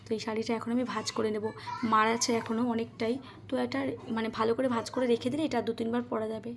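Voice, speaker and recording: A woman's voice: fairly high pitch, level tone, quick pace, vocal fry, background noise. A woman, narrating her daily housework in a casual home vlog and talking straight to her viewers. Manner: chatty, talks straight to viewers while doing chores. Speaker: home vlogger. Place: at home, kitchen and rooftop.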